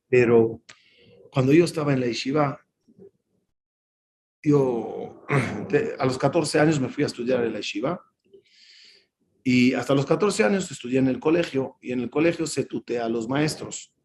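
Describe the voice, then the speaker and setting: A man, a rabbi, teaching a Torah class over a video call, an animated storyteller who acts out dialogue with big swings in his voice. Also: mid-range voice, slight background noise. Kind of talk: lively teaching with anecdotes.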